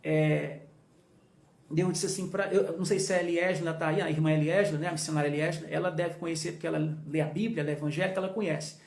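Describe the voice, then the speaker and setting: A man's voice: on the high side, fairly even intonation, quick pace, creaky. A man leading an informal Bible study, who stresses points by repeating them and talks straight to his listeners. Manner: emphatic, repeats key phrases, addresses listeners directly. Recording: roomy echo.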